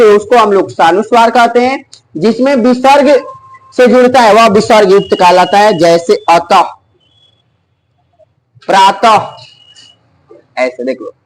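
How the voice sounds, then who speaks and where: A man teaching an exam-prep Hindi grammar lesson, slowly repeating each term and quizzing his students. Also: sits high, low-quality recording.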